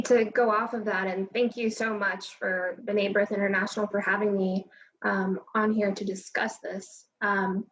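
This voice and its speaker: A woman's voice: mid-range voice, husky, low-quality recording. Earnest young woman on a panel. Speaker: alumna panelist. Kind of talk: panel discussion.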